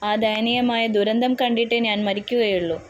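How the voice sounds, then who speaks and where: A woman's voice: medium pitch, moderate pace, a little mellow, a little hiss or hum, natural voice. A woman voicing a young woman, an older sister figure in a story, who speaks with impassioned grief and curses. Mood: anguished. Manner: impassioned, cursing in anguish.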